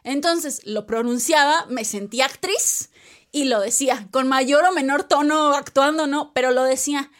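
A chatty woman with a Mexican Spanish accent and a high, light voice. She talks casually as a podcast co-host, filling her speech with fillers and playful asides. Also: moderate pace, a bit bright. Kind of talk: casual chat.

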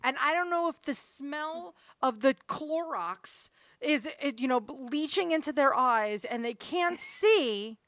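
A woman in her forties chatting casually, an animated storyteller acting out her family's lines. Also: high-pitched, slow, dry recording, studio quality. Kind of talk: casual chat.

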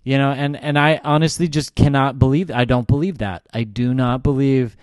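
A man's voice: mid-range voice, fairly even intonation, normal speed, a little mellow, no room sound, studio quality. A man hosting a podcast interview, talking casually and opinionated, with many restarts and self-corrections. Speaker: podcast host.

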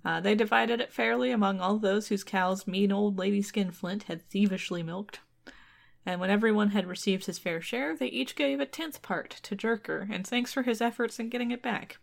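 A woman's voice: medium pitch, fairly even intonation, normal speed, gravelly. A woman co-hosting a podcast, reading a folktale aloud with casual asides and frequent laughter. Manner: laughs often, chatty asides. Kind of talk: casual read-aloud with commentary.

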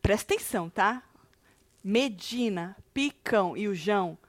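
A woman's voice: medium pitch, animated, a little slow, no echo. A woman co-hosting a celebrity gossip show, chatty and teasing, reading out viewer comments.

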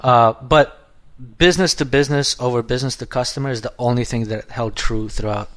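A man in his thirties chatting casually on a podcast, rambling and restarting his sentences, swearing freely, a bit hoarse as his voice goes. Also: mid-range voice, fairly even intonation, brisk. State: losing his voice. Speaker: podcast co-host, app developer.

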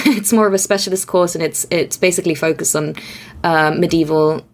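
A woman's voice: on the low side, a little fast. Chatty young woman, laughing often. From Austria. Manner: chatty, self-deprecating, laughs often, many restarts. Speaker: guest, narrative designer. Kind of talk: conversational interview.

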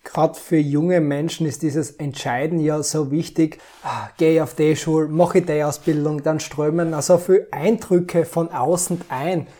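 Low, mellow woman asking questions. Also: steady tone, a little slow, hardly any pauses. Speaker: podcast host. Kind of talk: interview questions.

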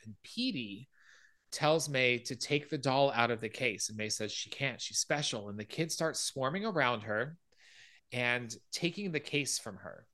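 A man's voice: mid-range voice, lively intonation, measured pace, bright, forceful tone. A man hosting a podcast, casually retelling a film scene by scene and acting out quoted lines. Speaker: podcast host.

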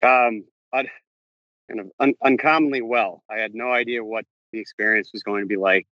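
A man with a fairly low, pushed and bright voice answers interview questions as a novelist guest while walking around outdoors on a campus. He halts often, restarting and correcting himself mid-sentence. The audio is dull, with no room sound.

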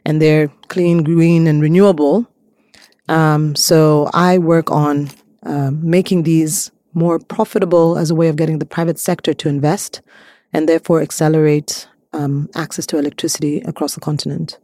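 A woman from Malawi, a clean energy innovator, answering interview prompts in a thoughtful way, often pausing with ums and restarting her sentences. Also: low-pitched, flat delivery, mellow, dry recording, studio quality.

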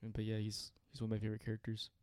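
A man's voice: on the low side, monotone, rapid-fire, darkish tone, clean tone, dry recording, studio quality. A young man co-hosting a casual podcast chat, laid-back and slangy, swearing offhandedly. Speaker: podcast co-host.

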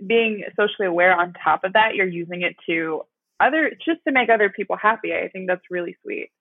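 Casting note: twenties woman host, breathy, affirming, phone-line sound. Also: medium pitch, a little fast, dry recording. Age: 20s. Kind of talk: casual chat.

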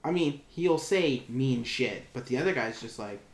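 A man's voice: medium pitch, lively intonation, moderate pace, roomy sound. A man chatting casually, telling stories animatedly, acting out quotes and swearing freely. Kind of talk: casual chat.

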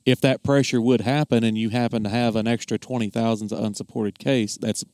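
A man giving a casual technical explanation as a craftsman, plainspoken and folksy, often halting and repeating words. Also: medium pitch, steady tone, darkish tone, dry recording, studio quality. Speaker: gunsmith explaining his craft.

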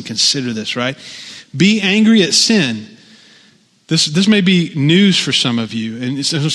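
A man's voice: a little high, a bit bright, big-room sound. A man preaching a sermon, conversational with frequent "right?" asides. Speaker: pastor.

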